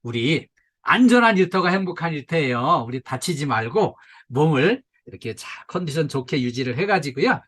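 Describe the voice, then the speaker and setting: Older guy giving a safety talk at work, kinda high voice, animated, gets everyone stretching. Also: moderate pace. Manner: animated, mimics nagging in quoted voices; leads audience through stretches. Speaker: safety instructor. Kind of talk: workplace safety lecture.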